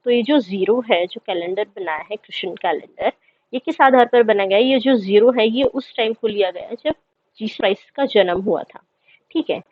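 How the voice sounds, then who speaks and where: A woman's voice: medium pitch, normal speed. A woman in her thirties teaching a history lesson, reading English text and explaining it step by step, often checking in with her students. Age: 30s. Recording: dry, tinny phone-like sound.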